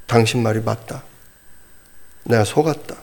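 A middle-aged man preaching a storytelling sermon, animated and wry, laughing at himself as he tells it. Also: fairly low pitch, moderate pace.

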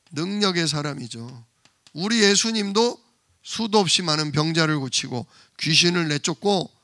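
A man's voice: high-pitched, dry recording, clean studio sound. A male pastor preaching a sermon, telling a parable with acted-out voices and asking his listeners questions. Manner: animated storytelling, acts out parable voices, asks the congregation questions.

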